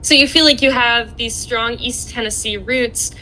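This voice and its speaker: Bright-voiced woman interviewer. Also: fairly high pitch, steady tone, normal speed, a little hiss or hum, rough recording. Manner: friendly, asks short prompting questions. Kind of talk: casual virtual interview. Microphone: video call.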